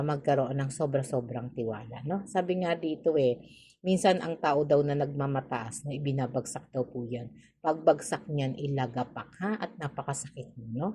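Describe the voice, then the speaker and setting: A woman's voice: deep voice, warm tone. A woman with a Filipino accent giving a casual tarot reading, chatty, with frequent tag questions and sarcastic asides. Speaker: tarot reader.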